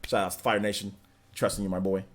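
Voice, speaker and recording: A man in his forties hosts a relaxed livestream and chats with viewers in a rambling, slangy, joking way. His voice sits on the low side. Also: quick pace. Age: 40s. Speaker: streamer host. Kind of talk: casual livestream chat reading viewer messages.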